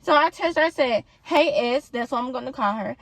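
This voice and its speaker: A young woman with a high, bright voice tells a storytime straight to her viewers. She sounds animated and indignant and fills her talk with "like." The recording is close and dry, with no room echo. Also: vocal fry. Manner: animated, indignant, fast-talking with many "like" fillers. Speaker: vlogger telling a storytime. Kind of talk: casual storytime addressed to viewers.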